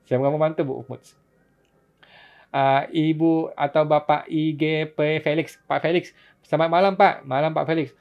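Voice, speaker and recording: A man's voice: on the high side, steady tone, measured pace. Man answering viewer questions on a dull stream. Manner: reads questions aloud, answers patiently with frequent chuckles and "gitu". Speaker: tax consultant host answering viewer questions. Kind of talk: casual live-stream Q&A. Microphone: phone or laptop mic for live stream. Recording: dull lo-fi live-stream audio.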